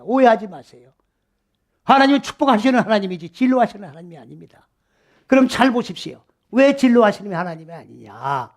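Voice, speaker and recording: Pastor, male, middle-aged, very high-pitched voice, emphatic sermon delivery with rhetorical questions. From South Korea. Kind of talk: expository sermon.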